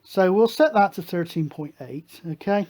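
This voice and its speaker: A man's voice: high voice, animated, normal speed, mellow. A British man hosting a hobby electronics video, talking through a hands-on demonstration in a chatty, matter-of-fact way.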